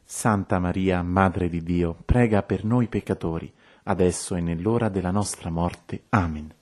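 A man reciting rosary prayers in a steady, measured, devotional way. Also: low-pitched.

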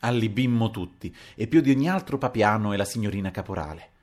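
A man reading a literary audiobook aloud in an expressive, dramatic storytelling manner. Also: on the low side, quick pace. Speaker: audiobook reader.

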